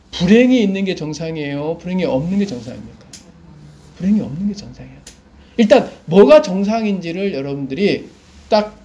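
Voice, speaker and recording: Middle-aged guy preaching, high voice that jumps all over the place, keeps asking the crowd stuff then answering it himself. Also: mellow. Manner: asks the congregation questions and answers them himself. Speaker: pastor. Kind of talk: sermon.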